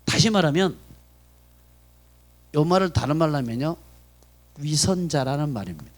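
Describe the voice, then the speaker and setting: A man's voice: fairly high pitch, big pitch swings, moderate pace. A man preaching a sermon as pastor at a Friday prayer meeting in a church, often putting questions to the congregation. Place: church sanctuary.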